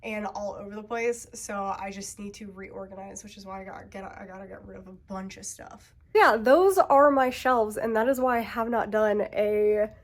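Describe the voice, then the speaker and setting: At home indoors, a woman in her thirties who makes book videos rearranges her shelves and chats to the camera in a rambling way, laughing frequently. She is feeling ill, and her mid-range voice sounds congested at a normal speed.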